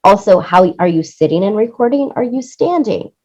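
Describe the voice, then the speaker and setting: With a medium-pitched voice at a normal speed, a woman discusses her audio production work as an interview guest; she is a music supervisor and audio producer. She explains animatedly and casually, acts out the lines she quotes, and often asks "right?". The sound is dull.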